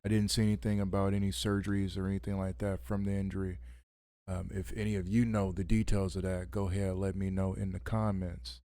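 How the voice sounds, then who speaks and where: Low dry-voiced male podcast host. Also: little pitch movement, fairly quick, mellow, no room sound. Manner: radio-host delivery, casual with fillers. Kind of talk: late-night wrestling podcast talk. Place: home at midnight.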